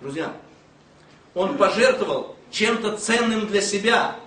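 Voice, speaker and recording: A man preaching a sermon, emphatic and storytelling with humor, bursting into shouts at times. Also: sits high, animated, measured pace. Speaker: pastor. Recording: echoey room, mic at a distance, faint noise.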